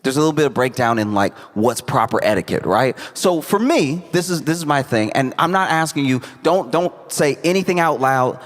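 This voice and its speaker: A man telling stand-up comedy stories to a live audience in a conversational way, often repeating phrases haltingly for emphasis. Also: medium pitch, lively intonation. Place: live venue on stage. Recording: echoey hall with audience noise.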